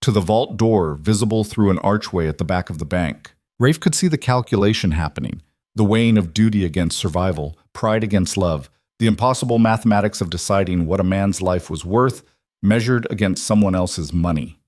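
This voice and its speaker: A narrator with a low voice reads a scripted Western story at a steady, measured pace. The sound is close and dry, with no room echo.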